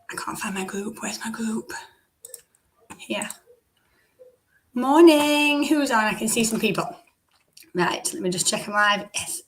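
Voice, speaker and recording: A woman hosting a live business stream, her voice croaky from recovering, chatting with asides to her viewers. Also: on the high side, fairly bright tone, a little hiss or hum. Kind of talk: casual live-stream talk.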